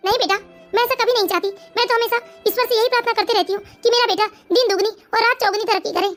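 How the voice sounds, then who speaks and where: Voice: very high-pitched, steady tone, racing, a bit bright, faint music behind. Someone voicing a tender old cartoon mother. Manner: tender, soothing. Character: loving elderly mother, gentle and tearful. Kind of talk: animated family story acting.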